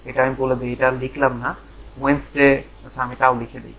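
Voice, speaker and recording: A man from Bangladesh teaching a live online pronunciation class, repeating words and spelling them out letter by letter, with drawn-out fillers. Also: medium pitch, monotone, a bit bright, poor audio. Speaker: English teacher.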